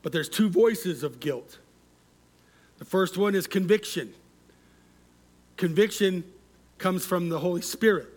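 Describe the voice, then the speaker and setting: A middle-aged male pastor preaching a sermon, measured and repetitive for emphasis, often asking the congregation to respond. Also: high-pitched, a little mellow. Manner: measured, repeats key words for emphasis.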